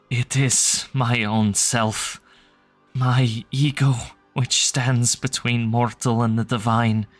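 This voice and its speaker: A grief-stricken ancient male creature, voiced by a game master, wails in a thick accent, pitched well above a plain speaking voice. His words come slow, grand and archaic. Faint music plays underneath. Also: lightly acted. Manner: wailing, archaic and grandiose speech.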